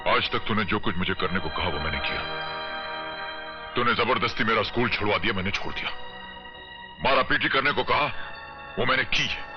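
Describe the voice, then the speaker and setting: A man's voice: on the low side, brisk, pauses often, music in the background, close to an everyday voice. An actor plays a hot-headed young man who speaks with defiance and threatens openly. The line is dull and carries some reverb from an old film soundtrack. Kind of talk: Hindi film acting.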